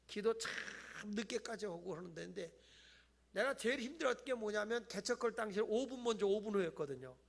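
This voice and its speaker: A middle-aged male pastor giving an animated Friday night sermon in a church, acting out whiny voices and shouting. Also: high-pitched, fairly quick, gravelly, a little hiss or hum. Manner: animated, acts out voices of people he tells about, mock-whines and shouts. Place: church sanctuary.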